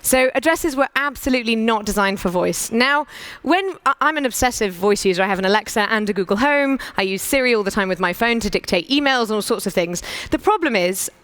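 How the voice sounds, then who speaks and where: A British woman giving a conference talk, brisk and persuasive, asking the audience rhetorical questions. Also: fairly high pitch, lively intonation, fairly bright tone, clean tone, dry recording. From United Kingdom. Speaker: conference speaker.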